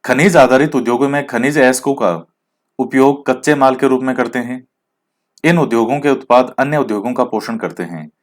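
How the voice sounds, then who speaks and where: A male teacher gives an exam-prep lecture at a steady, middle pitch. He explains a point, then turns it into a question and answers it himself, slipping English words into the talk. He is open about the rustic edge of his pronunciation. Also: moderate pace. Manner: mixes English words into Hindi.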